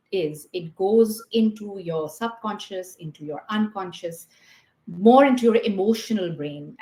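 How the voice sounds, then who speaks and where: A woman's voice: medium pitch, a little mellow, echoey room. A woman from Pakistan, a guest art therapist on a video call, explaining her work thoughtfully and step by step, with many fillers along the way. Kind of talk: explanatory interview talk.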